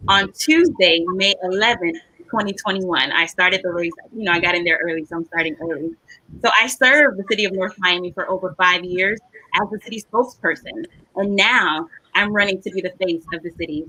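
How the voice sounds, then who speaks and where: A woman's voice: medium pitch, sharp tone, dry recording, rough recording. A young woman introducing herself as a candidate in a polished, confident way. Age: young adult. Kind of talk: prepared self-introduction.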